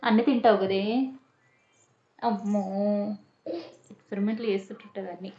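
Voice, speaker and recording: A woman's voice: mid-range voice, fairly even intonation, moderate pace, dark tone. A mother, coaxing and teasing her toddler in sing-song questions. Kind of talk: playful chat with a small child. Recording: muffled echoey home room.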